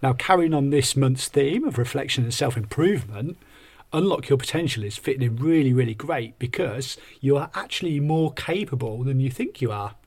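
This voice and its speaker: A man's voice: medium pitch, expressive, moderate pace, a little mellow, husky. A man co-hosting a podcast conversationally, explaining ideas with examples like an upbeat life coach. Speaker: podcast co-host and workshop coach.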